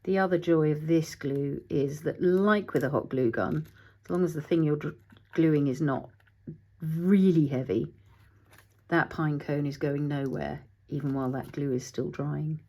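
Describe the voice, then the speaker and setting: A middle-aged woman with a low, slightly gravelly voice talks her way through a craft project at her desk. She thinks aloud, chats to her materials and now and then slips into a breathy near-whisper. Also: a little slow, darkish tone. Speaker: craft tutorial host. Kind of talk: casual crafting tutorial, talking while working.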